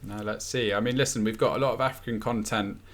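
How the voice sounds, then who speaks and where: A man hosting a casual football podcast, chatty and quick to laugh, with many restarts. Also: lowish voice, fairly even intonation. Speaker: podcast host.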